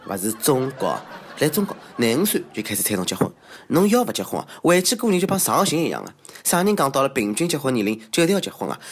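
A man with a Shanghainese accent hosting a comic monologue in a self-mocking, exclamatory way with theatrical asides. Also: mid-range voice. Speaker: comedy show host. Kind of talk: comedic monologue on odd news.

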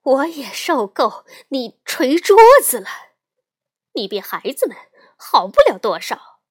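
A woman's voice: high-pitched, expressive, slow pace, breathy edge, heavily acted. Woman doing a fed-up scolding mother bear. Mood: exasperated scolding. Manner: loud exasperated scolding.

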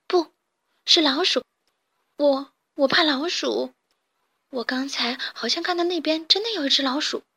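Lady doing a scared tiny kitten from a storybook, hushed and shaky, highish voice. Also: moderate pace, hardly any pauses, close to an everyday voice. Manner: hushed, faltering whisper.

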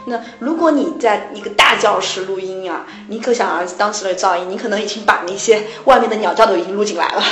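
A woman's voice: medium pitch, fast talker, hardly any pauses, fairly bright tone, reverberant, faint music behind. A woman co-hosting a casual English lesson talk, explaining pronunciation points patiently, step by step. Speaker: English tutor co-host. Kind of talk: casual radio-style chat.

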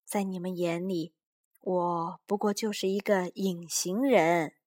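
A woman voicing a kindly, lonely retired old man in a storybook reading, speaking gently and unhurried. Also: on the low side, steady tone. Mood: gentle.

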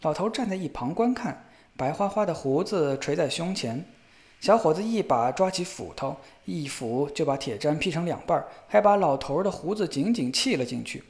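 Expressive male fairy-tale storyteller. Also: on the high side, normal speed. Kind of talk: scripted fairy-tale narration.

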